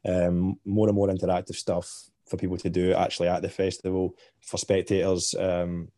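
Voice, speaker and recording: A man's voice: low voice, monotone, moderate pace, mellow, no room sound, studio quality. A Scottish man chatting as a podcast guest, rambling with many fillers and restarts. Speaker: podcast guest, festival organizer. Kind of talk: casual podcast chat.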